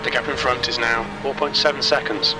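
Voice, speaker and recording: Game race spotter: terse pit radio calls, clipped and level, slightly distant under loud engine roar. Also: male voice, medium pitch, a little fast. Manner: clipped, flat callouts of gaps, fuel and traffic. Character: calm male racing spotter on team radio. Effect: terse pit radio call. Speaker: race spotter and crew chief. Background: race car engine roar.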